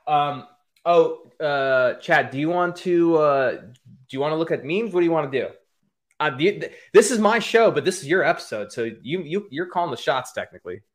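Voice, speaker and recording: A man's voice: fairly high pitch, expressive, moderate pace. A man hosting his own livestream, reading viewer comments aloud and steering the show, often stumbling and restarting his sentences. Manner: stammering restarts, reads chat comments aloud, upbeat. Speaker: livestream and podcast host. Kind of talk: casual livestream chat.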